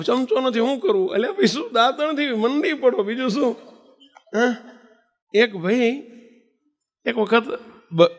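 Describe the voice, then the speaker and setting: A man giving a sermon, telling folksy stories, acting out the dialogue and laughing as he goes. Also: very high-pitched. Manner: folksy, animated storyteller who acts out dialogue and laughs. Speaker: swami giving a discourse. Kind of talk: sermon with storytelling.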